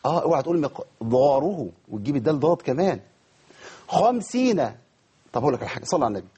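A man with an Egyptian Arabic accent teaches Quran recitation to a class. He talks quickly in a fairly high, husky voice. He quizzes his students and models each pronunciation for them. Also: sing-song, warm tone, muffled recording. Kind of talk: tajweed lesson to a class.

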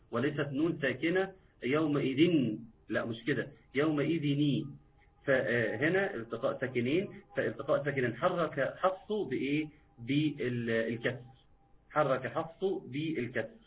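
Egyptian-accented male recitation teacher, live online class, patient and repetitive, quizzes viewers, tinny phone-like sound, mid-pitched voice. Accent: Egyptian Arabic.

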